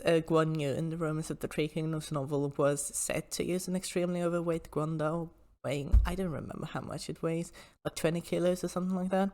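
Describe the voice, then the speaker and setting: A woman's voice: sits low, a little mellow. A woman hosting an informal explanatory history talk, with hesitant asides as she explains.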